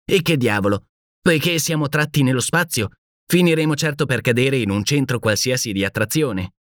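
A man voicing a cheerful, carefree male space traveler in an audiobook, talking in a lively, nonchalant way. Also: mid-range voice, normal speed, dry recording, studio quality, pitched above the performer's own voice, lightly acted.

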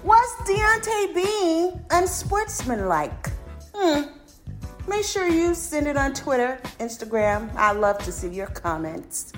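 A woman's voice: high-pitched, very animated, slow pace, soft background music. Bubbly woman on sports news. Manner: bubbly, playful, cheers for home teams. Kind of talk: upbeat sports news roundup.

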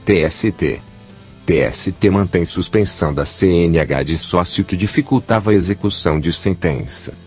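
Low robotic tts guy, brazilian accent, reading news for a podcast, light music under it. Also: moderate pace, darkish tone. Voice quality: synthesized text-to-speech voice.

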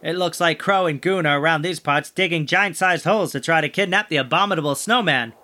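A man's voice: on the high side, a little fast. A man playing a plucky, kindhearted, wisecracking monster hunter who narrates and acts in a children's audio adventure with folksy exclamations. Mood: friendly. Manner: folksy exclamations, animated chatter to sidekick.

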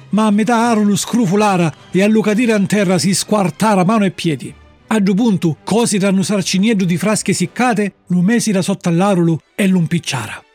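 High-voiced storyteller. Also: male voice. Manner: lively dialect storytelling. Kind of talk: storybook narration.

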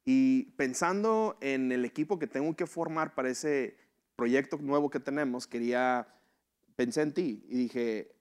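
A man preaching a sermon in a relaxed, conversational way, mixing personal testimony with jokes and often asking his listeners for agreement. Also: medium pitch, unhurried, clear, resonant tone. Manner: conversational, humorous, asks "¿verdad?" often.

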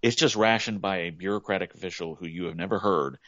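Deep-voiced guy podcasting politics, lots of false starts, kinda muffled dry audio. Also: fairly bright tone, no echo. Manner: halting, many restarts, then firm points. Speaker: podcast co-host. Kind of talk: casual political chat.

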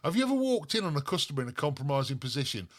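A man's voice: on the high side, sing-song, very fast. A man hosting a radio phone-in, chatting casually with callers and laughing easily. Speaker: radio show host.

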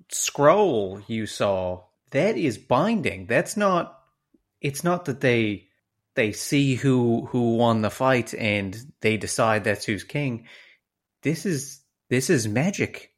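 A man voicing a coolly ruthless male hybrid rival for a crown, in an Irish accent, calm and matter-of-fact. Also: medium pitch. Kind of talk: tabletop game character voice.

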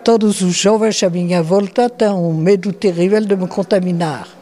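Elderly woman, nineties, mellow voice, reflective. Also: medium pitch, fairly even intonation. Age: 90s. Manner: slow, thoughtful, with hesitations and restarts. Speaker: interviewee. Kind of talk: reflective interview answers.

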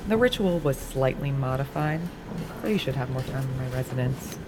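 A woman voicing a solemn, mysterious ritual host who speaks slowly and insistently. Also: rumbling low, lively intonation, very noisy, pitched below the performer's own voice. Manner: slow, grave and insistent.

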